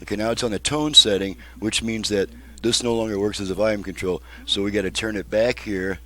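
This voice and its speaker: Speaking fairly quickly in a steady, fairly low and fairly bright voice, a man works through a casual repair demonstration. As a radio repair technician and video host, he lays things out step by step in plain, methodical language.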